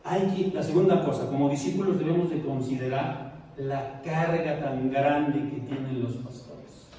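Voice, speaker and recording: A man's voice: on the high side, a little slow, crowd noise. A middle-aged man with a Mexican accent preaching a sermon, telling humorous stories and speaking straight to his congregation. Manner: storytelling, humorous asides to the congregation. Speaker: pastor. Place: church sanctuary. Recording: echoey church hall, mic far off, faint noise.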